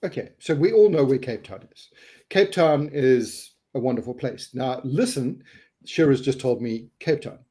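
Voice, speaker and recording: A man's voice: medium pitch, expressive, moderate pace, mellow. A middle-aged man hosting a casual live webinar, joking and laughing, sometimes stumbling over repeated words. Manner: jokey, laughing, repeats words when flustered. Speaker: host.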